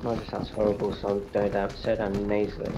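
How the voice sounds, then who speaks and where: A man's voice: fairly low pitch, monotone, fairly quick, background noise. A man, swearing and teasing friends in casual gaming chat. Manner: crude, teasing, swears a lot.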